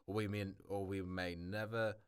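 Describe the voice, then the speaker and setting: A man reading aloud as a brisk, cheerful older male professor, stumbling over words now and then. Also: deep voice, little pitch movement, clean tone, natural voice. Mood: cheery. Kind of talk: amateur audiobook reading.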